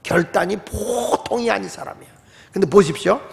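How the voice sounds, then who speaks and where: A man's voice: high-pitched, normal speed, vocal fry. A male pastor preaching a sermon in a church, emphatic and casual, leading the congregation in reading aloud. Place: church sanctuary. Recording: long reverb of a large hall.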